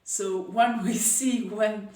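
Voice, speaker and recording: Woman, chatty, hesitant pauses, casual video talk, distant mic, echoey room. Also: mid-range voice, fairly even intonation, darkish tone. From Paris, France. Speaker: coffee camp host.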